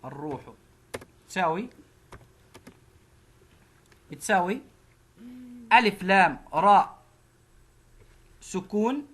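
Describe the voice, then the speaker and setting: A woman's voice: mid-range voice, lively intonation, husky. Egyptian woman teacher drilling syllables. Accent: Egyptian Arabic. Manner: slow, repeats syllables one at a time. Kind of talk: phonics lesson drilling syllables.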